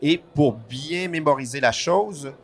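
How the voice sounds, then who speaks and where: A man's voice: fairly high pitch, measured pace, creaky. A man at a game festival stand, patiently walking someone through the rules of a board game step by step, with the odd dry joke. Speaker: board game publisher guest.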